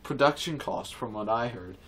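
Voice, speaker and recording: A man's voice: mid-range voice, moderate pace, a bit bright. Rambling, indignant man ranting. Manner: rambling, repetitive, with many restarts and fillers; indignant and earnest. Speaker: vlogger. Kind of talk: casual opinion rant to camera.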